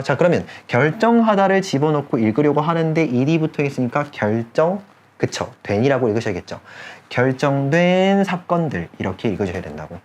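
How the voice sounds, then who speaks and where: Animated male English grammar lecturer. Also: medium pitch. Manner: checks in with students constantly, repeating key points; drawls key phrases slowly for emphasis. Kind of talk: online lecture.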